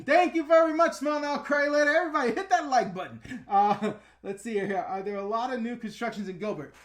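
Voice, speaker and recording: This middle-aged man's voice is extremely high and a bit bright, with a clear New York accent. He runs a casual YouTube livestream, replying to chat in a blunt, ranting, filler-heavy way.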